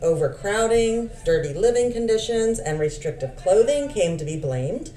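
Lively-voiced woman reading history aloud. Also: medium pitch, normal speed. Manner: reads facts with playful asides. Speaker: podcast co-host. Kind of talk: casual chat reading history notes. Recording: roomy, slightly distant mic with faint hiss.

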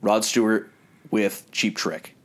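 A man co-hosting a podcast, chatting casually and telling animated stories with frequent laughs. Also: fairly low pitch, slow. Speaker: podcast co-host. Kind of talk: casual chat.

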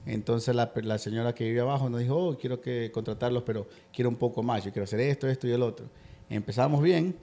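A man in his thirties from Ecuador, speaking as a guest on a podcast. He tells his story in an easygoing way, with many hesitations, in a voice of ordinary pitch. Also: quick pace, vocal fry. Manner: relaxed storytelling, frequent hesitations. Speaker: guest, construction business owner. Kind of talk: casual podcast interview.

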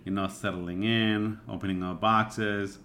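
A man's voice: lowish voice, flat delivery, unhurried, bright, forceful tone, slight background noise. A man hosting a casual podcast, talking in a loose, reflective way with lots of "you know" fillers. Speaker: podcast host.

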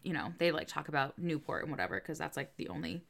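A woman's voice: low-pitched, lively intonation, fast talker, vocal fry. A young woman co-hosting a podcast, telling stories in a chatty way, full of fillers and laughing often. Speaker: podcast co-host. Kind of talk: casual chat.

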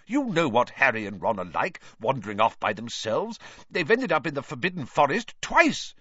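A man's voice: medium pitch, sing-song, normal speed, bright, forceful tone, slightly rough, no echo, muffled recording, pitched above the performer's own voice, full character voice. A man voicing a mild, earnest middle-aged father. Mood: heated.

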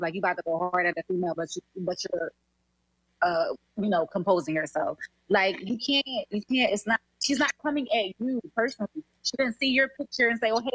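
Blunt woman guest, bright and dry. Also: medium pitch, no echo, poor audio. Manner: blunt, talks things down firmly. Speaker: call-in guest. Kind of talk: casual podcast chat. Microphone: phone app call.

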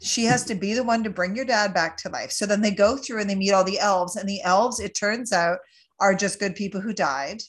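A woman's voice: mid-range voice, fairly quick. Chatty Canadian woman in her forties. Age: 40s. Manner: chatty, jokey, recaps the film plot. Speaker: podcast host. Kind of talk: casual chat.

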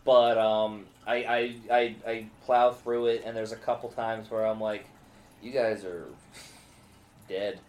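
A young stand-up comic talks loosely, piling up "like" and restarts as he winds through his story. His mid-pitched voice sits in a roomy space with noticeable echo. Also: completely flat delivery, a little slow, hardly any pauses, a little mellow, a little hiss or hum. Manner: rambling storyteller, many fillers and self-interruptions. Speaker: stand-up comedian. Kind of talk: casual podcast chat.

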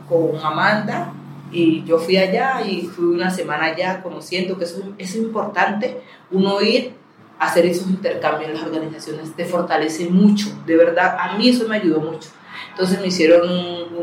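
A woman's voice: lowish voice, slight background noise. Colombian woman telling her story from afar. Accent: Colombian, from Cali. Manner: lively, acts out quoted dialogue, frank. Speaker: community leader. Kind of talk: storytelling talk. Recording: echoey room, mic at a distance.

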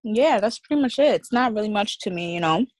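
A woman's voice: mid-range voice, lively intonation, a little fast, dry recording. A woman in her twenties from Queens, speaking as a podcast guest in a casual, slangy, candid way. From Queens, New York. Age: 20s. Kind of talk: casual interview.

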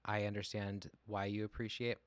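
A man of middle pitch co-hosts a casual podcast, warmly supportive and playful, with the odd offhand swear. His voice is dry and close to the mic. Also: flat delivery, moderate pace, no room sound. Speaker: podcast co-host.

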